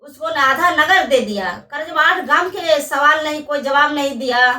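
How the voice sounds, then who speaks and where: Woman storyteller, high bright voice, folksy rambling telling, echoey room a bit far from the mic. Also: normal speed. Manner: rustic, repetitive oral storytelling, acting out dialogue. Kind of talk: folk tale narration.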